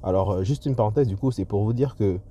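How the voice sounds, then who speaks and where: A man's voice: on the low side, fast talker, warm tone. A man talking casually to viewers as an entrepreneurship vlogger, his voice slightly muffled through a face mask, with hesitant delivery. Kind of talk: casual vlog talk to viewers. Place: on the move, leaving a garage. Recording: muffled lo-fi audio, clear vehicle and ambient noise.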